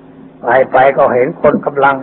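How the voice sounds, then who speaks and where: An older man, a Buddhist monk, giving a folksy sermon and telling stories in plain speech. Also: normal speed. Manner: folksy storytelling, acting out quoted characters. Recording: tinny phone-like old recording with faint hiss.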